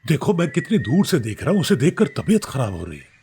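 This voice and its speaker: A man's voice: on the high side, huge pitch swings, fast, creaky, dark tone, slight background noise, heavily acted. A man voicing a fussy, fond middle-aged dad. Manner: fussy, protesting, fond laughter. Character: busy middle-aged father, fond and easily scared. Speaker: father. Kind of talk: dubbed drama acting.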